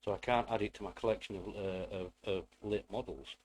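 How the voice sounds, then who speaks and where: A man's voice: fairly low pitch, fairly even intonation, fairly quick, a little mellow, slight background noise. A British man giving a casual hands-on build tutorial in a rambling, self-deprecating way with playful asides. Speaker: hobbyist presenter.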